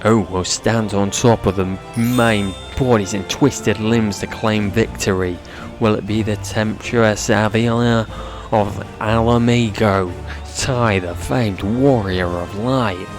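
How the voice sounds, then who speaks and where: Game ringmaster: man playing a grandiose old fight promoter, unhurried, low-toned, gleefully theatrical. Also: fairly even intonation, over music. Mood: mocking hype. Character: bombastic old male arena announcer, gleefully promoting bloodsport. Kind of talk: video game dialogue read aloud.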